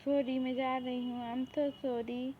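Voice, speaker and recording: A woman's voice: high-pitched, little pitch movement, slow pace. A woman voicing a timid young girl who pleads and apologizes in a fan audio drama. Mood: apologetic. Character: innocent young girl, kidnapped, timid and sulky. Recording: tinny phone-like recording, faint hiss.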